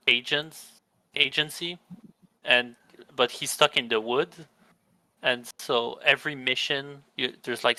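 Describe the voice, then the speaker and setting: A young man hosts a gaming podcast, describing games in casual, rambling chat and often restarting mid-sentence. His medium-pitched voice is pushed and bright, with no room sound but poor audio.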